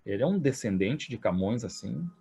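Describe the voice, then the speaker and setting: A man teaching a literature class for entrance exams, retelling a story and often adding quick tag questions. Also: medium pitch, very animated, creaky, warm tone, husky. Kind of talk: exam-prep literature lecture.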